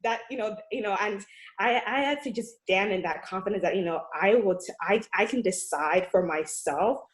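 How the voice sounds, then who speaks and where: A woman's voice: medium pitch, normal speed. A woman from Nigeria speaking earnestly and reflectively in a casual group discussion on a video call. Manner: earnest, reflective, many fillers.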